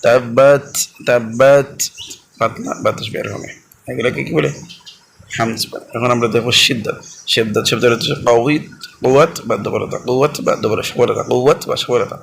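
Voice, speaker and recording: A man teaching a recitation lesson in a gravelly, mid-range voice. He asks a question and answers it himself, then repeats it. He draws letter sounds out slowly, over a faint hiss of background noise. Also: medium pitch, fairly bright tone. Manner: repeats each point and quizzes listeners. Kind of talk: classroom lesson.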